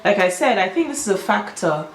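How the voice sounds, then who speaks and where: Speaking briskly in a sing-song, mid-range voice, a Nigerian Igbo-accented woman offers her opinions to viewers as a video host, casual yet emphatic. The sound is roomy with noticeable echo.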